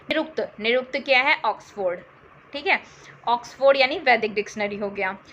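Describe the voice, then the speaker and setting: Bright high-voiced woman teaching, slightly dull audio. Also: normal speed, slight background noise. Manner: repeats terms, quizzes listeners with questions. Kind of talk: exam-prep history lesson.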